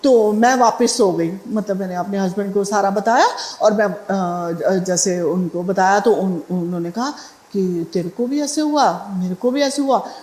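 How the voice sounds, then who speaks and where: A woman's voice: medium pitch, a little slow, a little mellow, roomy sound. A middle-aged woman sharing a devotional testimony in a conversational way, with fillers and restarts. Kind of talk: spoken satsang testimony.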